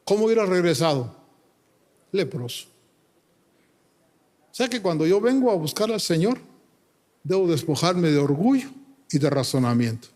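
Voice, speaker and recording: A man's voice: a little high, sing-song, normal speed, long pauses, a little mellow. A male preacher giving a fervent sermon and prayer, calling his listeners brother. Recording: long hall reverb.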